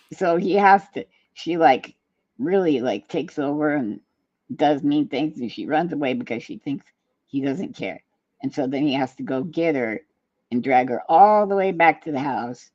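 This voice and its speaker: A man co-hosting a loose chat, rambling through stories and throwing in jokes. His voice sits at a middle pitch. The sound is dry and a little dull. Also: lively intonation, a little slow, pauses often, a little mellow, no room sound. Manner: rambling, jokey storytelling. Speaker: podcast co-host. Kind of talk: casual banter.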